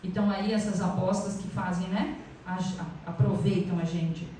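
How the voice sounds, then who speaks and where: A woman's voice: mid-range voice, fairly even intonation, moderate pace, dark tone, a little hiss or hum. Middle-aged Brazilian woman, spiritual lecturer, chatty and audience-facing; echoey hall, distant mic. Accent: Brazilian Portuguese. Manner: chatty, asks the audience often.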